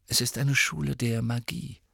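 A man reading an audiobook voices a patient, kindly old wizard teacher who speaks calmly and softly. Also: medium pitch, moderate pace, creaky, husky, dry recording, studio quality, heavily acted. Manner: calm, gentle and soft-spoken.

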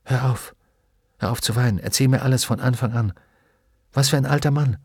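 A man reading aloud voices a steady young boy who gently urges a crying friend to explain. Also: mid-range voice, brisk, slightly rough, no room sound, studio quality. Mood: concerned.

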